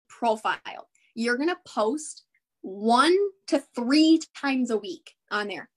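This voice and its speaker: A woman with a Midwestern American accent, bubbly and encouraging, giving a motivational sales talk during a live video. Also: a little high. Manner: bubbly, encouraging, repeats herself. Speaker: direct sales consultant.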